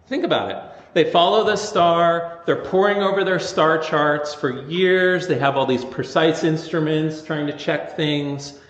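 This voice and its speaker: A man preaching a sermon as pastor, conversational and animated in his storytelling. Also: on the high side, measured pace, roomy sound, in a large hall, muffled recording.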